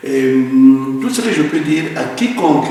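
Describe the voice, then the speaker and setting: Homme congolais au discours insistant, salle résonnante. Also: male voice, mid-range voice, lively intonation, normal speed, dark tone. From Congo (DRC). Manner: earnest, emphatic, repeats words while searching. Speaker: guest. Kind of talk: interview answers. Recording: echoey roomy hall from a distance, faint noise.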